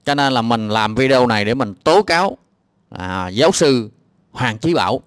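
A man's voice: medium pitch, animated, normal speed, clean tone, no echo, clean studio sound. A man with a Southern Vietnamese accent giving exasperated, mocking reaction commentary on a clip, with lots of hesitant filler sounds. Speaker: video commentator.

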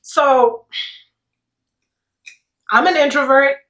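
A woman in her late thirties with a high, forceful bright voice talks casually to camera during a meal. She rambles playfully with plenty of sass. The room echoes around her. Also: extremely slow. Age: late 30s. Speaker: mukbang vlogger. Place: indoors, seated at a table. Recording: roomy echo, distant mic.

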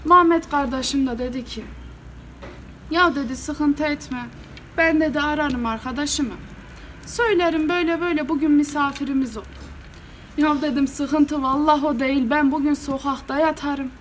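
Hot-tempered male village headman, performed by a woman, telling his tale solo, animated and fed up. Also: high voice, moderate pace, a little hiss or hum, close to an everyday voice. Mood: exasperated. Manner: animated, exasperated, repeats "I said". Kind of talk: solo storytelling performance, meddah style.

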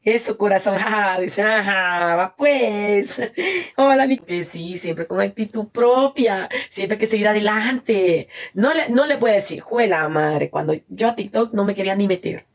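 A woman's voice: medium pitch, expressive, unhurried. A Salvadoran woman chatting casually on a phone live stream, reading viewer comments, laughing often and thanking viewers.

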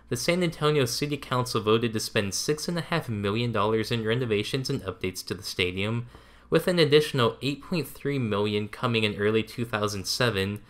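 A man reading scripted documentary narration in an even, measured way. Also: medium pitch.

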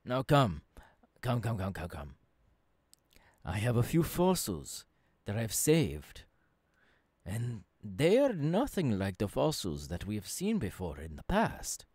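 In an intimate second-person ASMR roleplay, a male voice actor plays an earnest futurist professor instructing his apprentice, eager and heavily acted. His husky voice moves slowly and deliberately in halting phrases, swinging hugely from hushed whispers to emphatic rises. The close-mic studio recording is clean and dry.

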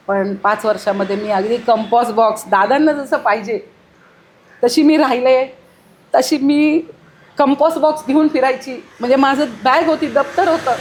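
A woman's voice: high-pitched, slight background noise. A middle-aged woman, a former mayor, giving earnest, emphatic interview answers full of long lists of detail.

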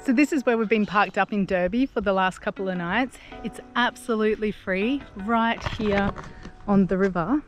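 A woman in her thirties with an Australian accent, chatting upbeat through a travel vlog, filmed outdoors on a handheld camera. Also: medium pitch. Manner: upbeat and chatty, tour-guide style. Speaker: travel vlogger. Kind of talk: casual travel vlog narration. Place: outdoors at campsites and in a camper van. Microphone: handheld action camera at arm's length. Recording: background music throughout.

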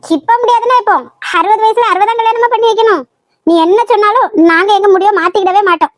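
A woman voicing a strict mother who insists loudly, with a Kanyakumari Tamil accent. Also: very high-pitched, quick pace, dry recording, studio quality. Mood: scolding. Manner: loud, scolding, insistent. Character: strict nagging middle-aged mother.

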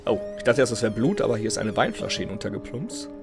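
With a medium pitch, huge swings in tone and a quick pace, a man in his thirties gives casual gameplay commentary as a let's play host. He has a cold that makes him slightly nasal, and he reads the game's letters aloud from his home gaming room over clear game music.

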